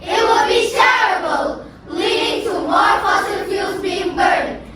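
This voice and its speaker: Choral speaking group, unison chanting, very high voices, slow declamation, distant mic, loud noise. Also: over a noisy crowd. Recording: very noisy echoey hall, distant mic, audience noise.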